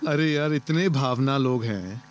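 A man's voice: mid-range voice, racing, a little hiss or hum. A man with an Indian accent hosting a radio call-in show, chatting casually with flirtatious, teasing banter. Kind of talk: casual chat, mixing English and Hindi. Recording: music behind the voice.

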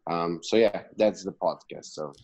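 A man's voice: deep voice, unhurried, darkish tone, rough recording. A middle-aged man from Slovenia, a podcast guest and business coach, talking in a rambling, chatty way with many fillers and restarts. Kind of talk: casual interview answer.

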